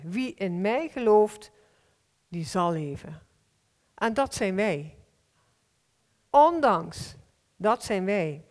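A woman preaching a sermon to a congregation in a heartfelt, earnest way, slowing down to stress key phrases. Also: a little high. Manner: earnest, heartfelt, with slow emphatic stretches. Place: church hall. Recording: long hall reverb.

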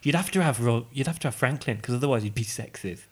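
A man's voice: medium pitch, animated, quick pace, breathy edge. A man who is a scientist, co-hosting a podcast in casual chat.

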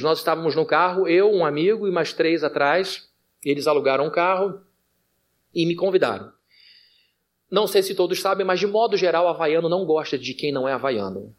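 A male pastor telling a lively personal anecdote in a sermon to his church, with a Brazilian Portuguese accent. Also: a little high. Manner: lively anecdotal, addresses congregation as dear ones. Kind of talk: storytelling sermon.

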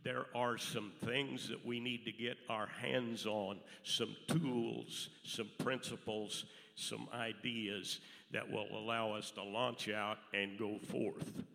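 A man preaching a church sermon in a raspy, hoarse voice, speaking deliberately in short weighted phrases. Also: on the low side, flat delivery, sharp tone. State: hoarse from allergies. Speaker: pastor preaching to a congregation. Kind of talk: church sermon with Bible readings and prayer. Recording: reverberant hall, faint music.

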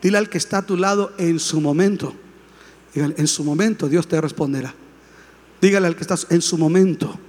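A male pastor preaching a sermon, building to shouts and calling on the congregation to respond. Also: on the high side, brisk, husky. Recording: long hall reverb.

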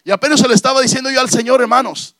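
A middle-aged man preaching a sermon as pastor, fervent, with repeated hallelujahs and shouted peaks. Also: extremely high pitch, rapid-fire, no echo, studio quality.

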